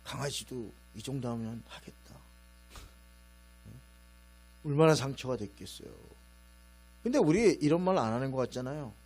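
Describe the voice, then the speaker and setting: A middle-aged man preaches in a church, talking to the congregation as if chatting with them. He slips into his own stern or gentle voice as he tells a story, and a faint mains hum runs under the recording. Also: expressive, a little slow, pauses often. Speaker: pastor. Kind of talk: sermon. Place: church sanctuary. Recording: low mains hum behind the voice.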